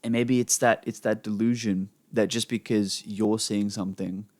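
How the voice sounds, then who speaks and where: A young man with an Australian accent talks in a loose, meandering ramble, dropping curses and "you know" every few breaths. His voice sits fairly low, and the desk-mic recording is close and dry with no room sound. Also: fairly even intonation, normal speed, darkish tone, dry recording. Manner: rambling and profane, constant "you know" asides. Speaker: vlogger. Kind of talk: unplanned rambling monologue. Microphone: desk microphone he sometimes pops.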